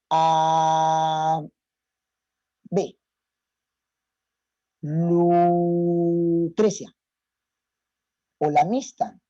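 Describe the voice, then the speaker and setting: Man lecturing, emphatic, dark tone, muffled dry audio. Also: a little high, breathy edge, no echo. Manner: emphatic, rhetorical questions to students. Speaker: teacher. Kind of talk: online lecture.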